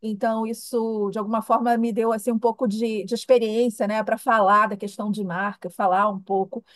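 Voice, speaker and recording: A middle-aged woman from Rio de Janeiro, Brazil, speaks Brazilian Portuguese with a Rio accent in a fairly high, level voice. She's a human development professional appearing as an interview guest, answering questions at a brisk pace in a reflective, conversational way, with no echo.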